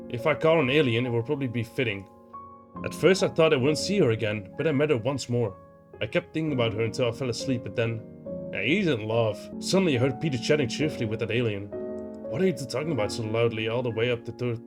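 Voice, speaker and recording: A young man playing an indie horror visual novel, reading its text aloud and reacting in an animated way, swearing and saying "like" a lot. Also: medium pitch, fairly quick, over music. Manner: animated, swears, heavy use of "like".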